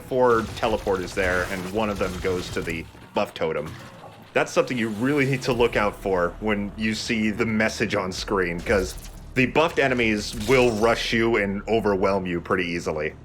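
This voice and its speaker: Slight background noise accompanies this casual shooter commentary from a let's player. He's informal, explanatory and jokey, and his voice is lowish and a bit bright.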